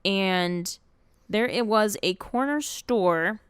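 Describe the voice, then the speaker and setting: A woman's voice: medium pitch, takes it slowly, clear, resonant tone, no echo, studio quality. A young adult woman from Michigan co-hosting a casual podcast on a headset mic, blunt and exasperated, swearing freely. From Dearborn, Michigan. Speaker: podcast co-host. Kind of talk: casual chat.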